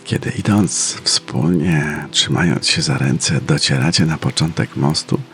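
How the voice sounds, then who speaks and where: A man narrating a guided meditation in a soft, soothing, unhurried manner with pauses between phrases. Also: extremely low pitch. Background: faint music.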